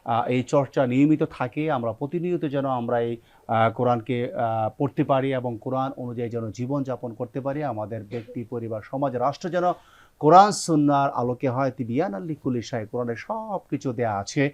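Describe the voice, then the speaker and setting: A man's voice: mid-range voice, fast talker, a little mellow, lo-fi sound. A man with a Bangladeshi Bengali accent, hosting a Quran recitation lesson in a television studio and leading students through repeated pronunciation drills. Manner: leads students in call-and-response drills. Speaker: Quran recitation teacher and host. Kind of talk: TV classroom lesson.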